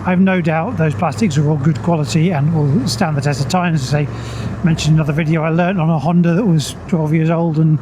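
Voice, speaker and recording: A man's voice: on the high side, fairly even intonation, fairly quick, hardly any pauses. A man giving casual, understated motovlog commentary as he rides a motorcycle, musing aloud into a helmet microphone. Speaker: motorcycle reviewer. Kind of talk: casual spoken motovlog commentary while riding. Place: outdoors, riding a motorcycle on the road. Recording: noisy outdoor ride, engine and road noise.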